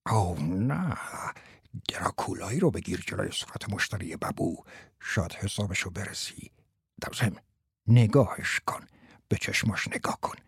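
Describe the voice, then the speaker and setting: A swaggering older salesman bursts through his lesson, talking fast and teasing his pupil, as a man puts him on in an audiobook. He swings between loud showy patter and low coaching asides. The sound is close and dry with no room around it. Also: dry recording, natural voice. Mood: hushed prompting. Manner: lively, fast coaching banter. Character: brash older male tie salesman teaching a boy. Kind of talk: audiobook character voice.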